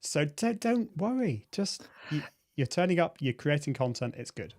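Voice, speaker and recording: A man gives reassuring advice as a guest expert on a live stream, over a video call. His voice sits slightly high for a man. He talks in a steady, advice-giving way. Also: normal speed. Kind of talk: casual live stream interview.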